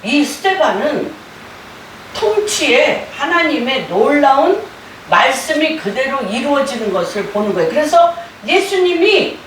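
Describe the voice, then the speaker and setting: A woman pastor preaching a sermon in a church, with animated delivery that rises to loud exclaimed quotes. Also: sits high, measured pace, slight background noise. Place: church sanctuary. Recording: roomy sound from a distant mic.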